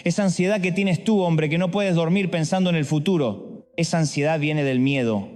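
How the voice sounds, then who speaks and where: A male preacher delivers a sermon in a rather high voice. He works through rapid, dramatic rhetorical questions. A long reverb trails after his words. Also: a little mellow.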